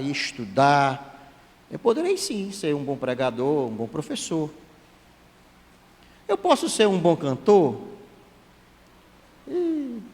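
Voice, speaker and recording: Lively man preaching in a hall. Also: sits high. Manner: lively, conversational preaching with asides and self-deprecating jokes. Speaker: church elder preaching. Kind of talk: sermon. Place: church hall. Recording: long hall reverb.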